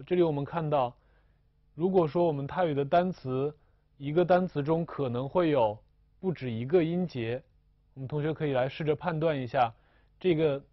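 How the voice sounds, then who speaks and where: A man teaching a recorded language lesson, explaining slowly and carefully with frequent hesitations. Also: medium pitch, no echo, muffled recording.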